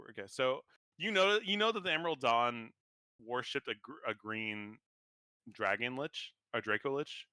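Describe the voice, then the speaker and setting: A man's voice: mid-range voice, pushed and bright, smooth, no room sound, clean studio sound. A man narrating as game master of a tabletop game, rambling with many fillers and restarts.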